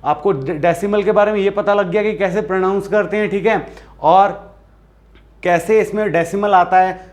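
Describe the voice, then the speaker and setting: High-voiced man teaching maths. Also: fairly even intonation, normal speed. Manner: explains step by step with many check-in questions; repeats himself with frequent self-corrections. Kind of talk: online classroom lesson.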